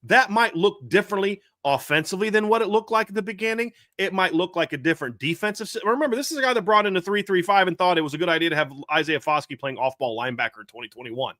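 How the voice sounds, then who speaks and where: Guy hosting a live football show, bright voice, dry sound, rambles and restarts a lot. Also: high voice, fast talker, few pauses, no room sound. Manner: animated, rambling, frequent restarts. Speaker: podcast host. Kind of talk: casual live sports talk.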